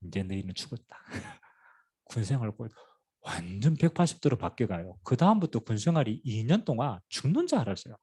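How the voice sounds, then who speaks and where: Husky Gyeongsang-accented pastor preaching lively. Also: male voice, mid-range voice, brisk. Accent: Gyeongsang Korean. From Pohang, South Korea. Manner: lively storytelling preaching with rhetorical questions and humor. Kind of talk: sermon.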